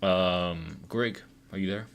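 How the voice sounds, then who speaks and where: A man's voice: low voice, slow pace, gravelly, a bit bright, slight background noise. A man running a tabletop game online, talking casually over voice chat from a computer mic. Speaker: game master.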